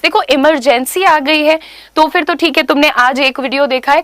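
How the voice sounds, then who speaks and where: A young Indian-accented woman teaches a spoken English class in a high, unhurried voice. She talks emphatically and repeats key points. The sound is close and dry. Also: a bit bright, dry recording. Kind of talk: online class lecture in mixed Hindi and English.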